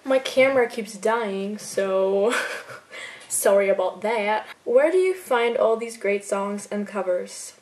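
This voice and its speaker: In a casual Q&A vlog, a German-speaking woman from Austria who edits fan videos answers her viewers slowly in a mid-range, slightly mellow voice. She's talkative, laughs readily and peppers her speech with fillers like "like."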